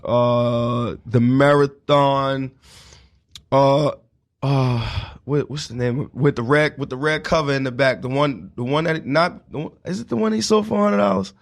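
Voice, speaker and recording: Unhurried and creaky, a medium-pitched male voice belongs to an independent hip hop artist appearing as a radio guest. He talks loosely and slangily, leaning on catchphrases such as "you know what I'm saying."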